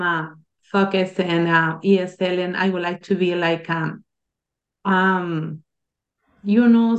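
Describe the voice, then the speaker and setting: A woman in her forties from Mexico, speaking English as an over a video call, hesitant and careful with phrasing. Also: mid-range voice. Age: 40s. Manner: slow, hesitant, non-native phrasing. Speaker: interviewee, ESL student. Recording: dull lo-fi call audio.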